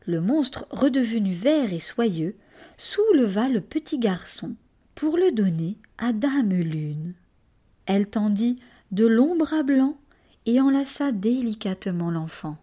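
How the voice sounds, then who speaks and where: Woman storyteller, bedtime story narration, higher voice, lively sweeping pitch, hushed passages. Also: takes it slowly.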